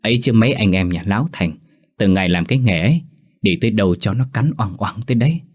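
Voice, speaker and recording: A man's voice: fairly low pitch, lively intonation, fast talker, a little mellow. Man voicing a middle-aged father, plain and soothing. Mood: calm. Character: middle-aged village father, easygoing drinker.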